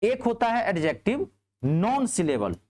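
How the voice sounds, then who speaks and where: Lively male grammar teacher. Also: measured pace. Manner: lively, rising on questions and dropping low on answers; asks students checking questions. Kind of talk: classroom grammar lesson.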